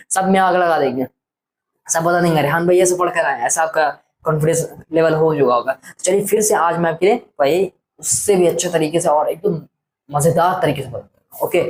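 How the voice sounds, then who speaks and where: A young man explains school trigonometry in a loose, talkative tutor's style. He keeps firing questions at himself and answering them. He stretches key terms out slowly, word by word, so they sink in. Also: on the high side. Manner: chatty, asks and answers his own rhetorical questions; slows right down to drill a term word by word. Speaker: maths tutor. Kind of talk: casual classroom-style maths explanation.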